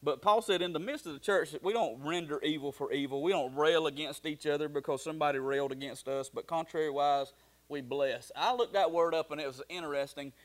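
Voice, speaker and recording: A man's voice: a little high, fairly quick. A middle-aged man preaching a sermon in a folksy storytelling way, full of fillers and restarts. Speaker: pastor.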